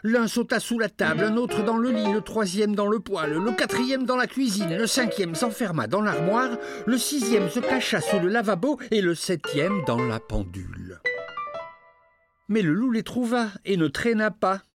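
Expressive man narrating a fairy tale. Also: high-pitched, moderate pace. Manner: expressive, rising and falling storytelling. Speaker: storyteller. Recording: narration over clear music.

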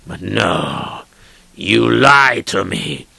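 Man doing a bossy rich lord, high swoopy voice, super gravelly and husky. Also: sing-song, slow, sharp tone, dry recording, heavily acted. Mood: furious. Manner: bossy, barking orders. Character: rich, arrogant, hot-tempered male lord. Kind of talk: amateur audio storytelling.

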